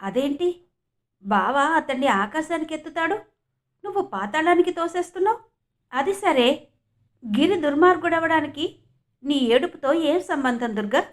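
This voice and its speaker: A woman voicing a spirited, protective young woman in an audiobook, with rapid indignant questioning. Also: high-pitched, expressive.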